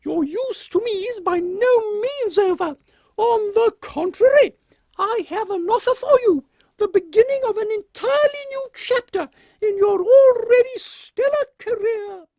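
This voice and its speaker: A man's voice: very high voice, a little slow, darkish tone, dry recording, pitched above the performer's own voice. A man voicing an imperious, drily witty Queen Victoria with a British accent, regal and condescending, in a steampunk audio comedy. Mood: condescending reassurance. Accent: British English.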